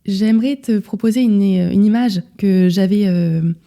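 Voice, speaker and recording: Young female podcast host, mid-pitched and deeply mellow, direct and chatty, keeps checking in with her listener. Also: measured pace. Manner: casual, direct, addresses listener as tu, frequent "d'accord?". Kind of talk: solo podcast talk.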